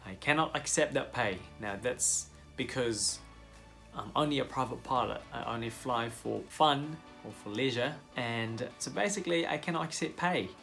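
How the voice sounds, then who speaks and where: Gravelly Filipino-accented man explaining. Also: mid-range voice, normal speed, bright, forceful tone, soft background music. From Philippines. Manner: friendly, direct address to viewers, frequent fillers. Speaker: commercial pilot and YouTuber. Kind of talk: casual explainer vlog.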